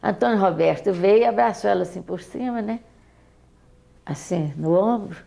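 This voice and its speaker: An older woman with a Brazilian accent recalls her daughter in an oral history interview, halting and often repeating words. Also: medium pitch, vocal fry, warm tone.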